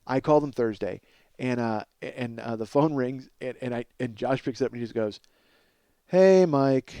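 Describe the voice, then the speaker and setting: On his comedy podcast, a man in his forties spins a meandering story at his own expense, swearing and performing the dialogue for both sides. His mid-range voice is warm and clean, at a moderate pace, with no room sound.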